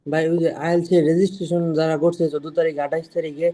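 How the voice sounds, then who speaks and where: Assistant guy, talks super fast, polite, slightly high voice. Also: level tone, dark tone. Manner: quick, polite, reporting a problem. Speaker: class assistant. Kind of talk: casual chat.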